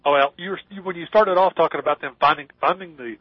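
A man's voice: on the high side, fast, no room sound. A man calling in to a radio show over the phone, joking around with the host and laughing often. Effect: heard over the phone line. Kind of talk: joking casual chat. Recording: dull, dry phone line.

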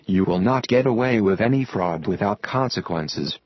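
A man with a disguised deep voice reading a scripted warning statement in a slow, even, menacing recitation, played from an online video. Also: husky, no room sound, muffled recording. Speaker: masked group spokesman in an online video.

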